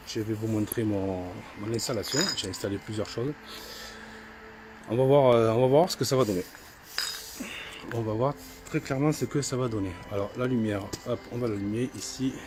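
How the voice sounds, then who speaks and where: A middle-aged man filming his own paranormal investigation inside an old house on a handheld camera, talking in a halting way with many restarts. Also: lowish voice, noisy background. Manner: hesitant, repeats himself often. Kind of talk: casual vlog narration.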